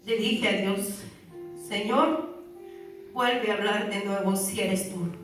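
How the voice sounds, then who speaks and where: A woman's voice: mid-range voice, takes it slowly. A woman earnestly giving a religious testimony to a congregation, calling her listeners brother and sister. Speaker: church member giving testimony. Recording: very echoey hall, far from mic, faint music.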